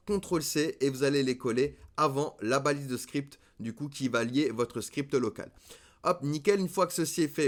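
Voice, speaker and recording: A man teaching coding step by step in a screen-recorded tutorial, talking in a relaxed way and often checking in with the viewer. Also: on the high side. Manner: relaxed, step-by-step with frequent "hop, nickel" and "d'accord?".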